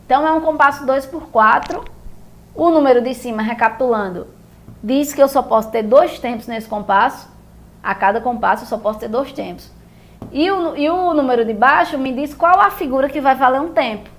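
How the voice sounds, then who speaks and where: A woman's voice: sits high, lively intonation, brisk. A Brazilian woman teaching music theory, explaining rhythm step by step and checking in often with her viewers. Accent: Brazilian Portuguese. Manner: patient, repeats and checks in with "beleza?".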